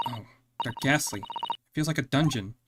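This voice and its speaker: A man's voice: medium pitch, moderate pace, very noisy. A man streaming, reading a game's dialogue aloud in a plain questioning way. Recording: game music playing behind.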